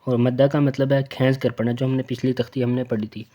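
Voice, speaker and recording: A man's voice: mid-range voice, level tone, dark tone. A man with a Pakistani Urdu accent teaching Quran reading, patiently spelling out letters one by one and repeating each sound. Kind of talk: slow spelled-out recitation lesson.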